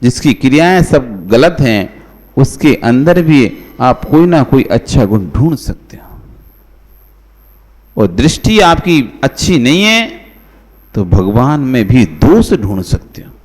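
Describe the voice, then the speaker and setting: A man's voice: medium pitch, very animated, takes it slowly, darkish tone, long reverb tail. A man, a monk, giving a conversational sermon, asking his listeners rhetorical questions and calling on them by name. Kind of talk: devotional sermon.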